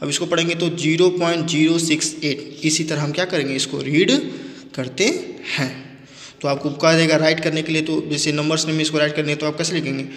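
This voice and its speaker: A man's voice: a little high, level tone, fairly quick, a bit bright. Male maths teacher, echoey room. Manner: asks questions and answers them himself, repeats steps. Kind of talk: classroom maths lesson. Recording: echoey room with long reverb.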